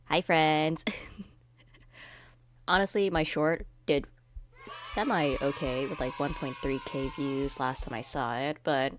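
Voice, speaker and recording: Monotone low-voiced woman chatting casually. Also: slow, long pauses. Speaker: video creator. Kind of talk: casual vlog chat.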